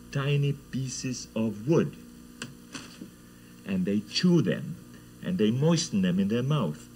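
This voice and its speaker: Slow man telling kids a story. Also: lowish voice, a little hiss or hum, low-quality recording. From Czech lands. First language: Czech. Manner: playful, asks children questions. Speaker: children's TV host. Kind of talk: storytelling to children.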